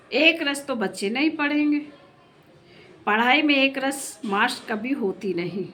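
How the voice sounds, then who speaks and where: A woman's voice: high voice, bright, forceful tone. A woman teaching a spiritual class, explaining a scripture reading in an earnest sermon and asking her listeners questions.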